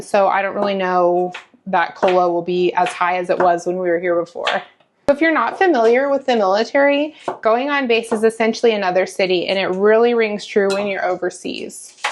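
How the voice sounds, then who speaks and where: This is a woman chatting casually in a vlog about military life. She explains things plainly and adds dry little jokes, with a mid-range voice. Her voice is close on a clip-on mic in a small indoor kitchen, with a faint hiss underneath. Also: mid-range voice. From United States. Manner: chatty, matter-of-fact, wry asides. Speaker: military spouse vlogger. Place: small temporary lodging apartment kitchen, indoors. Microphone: clip-on lapel mic.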